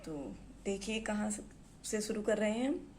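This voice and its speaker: On her own channel, a woman teaches Hindi poetry, explaining verses line by line, glossing words, repeating herself and reading the verse lines louder. Her mid-range voice has lively intonation and a measured pace, with slight background noise.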